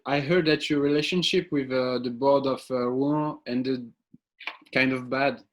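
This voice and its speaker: A male interviewer asking questions in a halting way, with frequent hesitations. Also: medium pitch, steady tone. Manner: halting, with many "uh" fillers.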